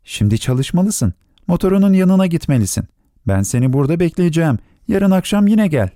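A man voicing a gentle, earnest little boy prince in a storybook reading. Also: mid-range voice, sing-song, brisk, dry recording, studio quality, close to an everyday voice. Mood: soothing.

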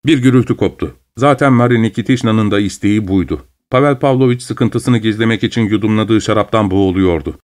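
A man narrating an audiobook story in a calm, measured reading voice. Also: fairly low pitch.

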